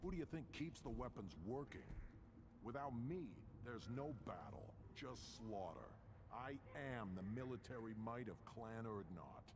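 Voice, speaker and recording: A man playing a gruff, combative alien warrior mechanic in a video game, proud, curt and sardonic. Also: mid-range voice, animated, a little slow, natural voice. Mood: combative, boastful. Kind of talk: video game character acting. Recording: game ambience noise behind voice.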